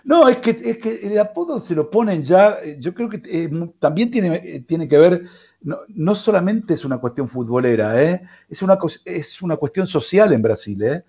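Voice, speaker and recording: A man's voice: high-pitched, lively intonation, moderate pace, dark tone, slightly rough, dull audio. A man with an Argentine accent hosting a sports radio show, rambling with many fillers and restarts. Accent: Argentine Spanish. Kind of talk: casual sports radio talk. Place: radio studio.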